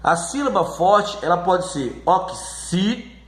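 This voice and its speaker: Slow, lively man teaching. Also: sits high. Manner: slow, repeats words and checks in with "certo?". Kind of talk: classroom lesson on syllables. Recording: echoey room.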